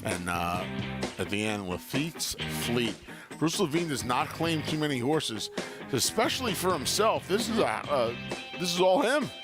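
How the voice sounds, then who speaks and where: A man with a mid-pitched, animated voice acts as a racing show analyst. His broadcast chat is casual and jokey, with loose, halting phrasing. Loud music sits behind him.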